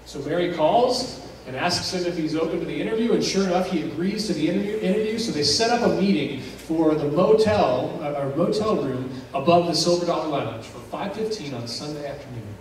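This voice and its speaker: Man, pastor, sermon storytelling, dramatic pauses, distant mic, faint room hiss. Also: fairly high pitch, expressive. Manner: dramatic narrator, builds tension with pauses and swells. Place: church sanctuary. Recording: very echoey church recorded from a distance.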